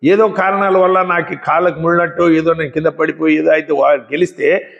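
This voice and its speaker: A man voicing a wise old male lion king who talks calmly and lectures patiently. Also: a little high, fairly quick, gravelly, dull audio. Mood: explaining. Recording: echoey hall.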